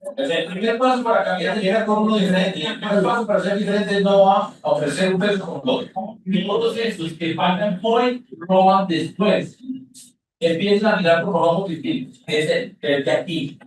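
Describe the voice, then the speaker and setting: High-voiced man in an echoing video clip. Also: normal speed, recorded from a distance. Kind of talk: street campaign talk. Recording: played video clip with echo and faint noise.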